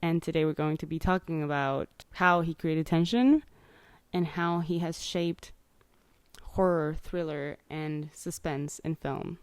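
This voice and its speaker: A woman's voice: low-pitched, darkish tone, clean tone, no echo. A young woman hosting a podcast, chatting casually with lots of likes and ums. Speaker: podcast host. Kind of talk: casual chat.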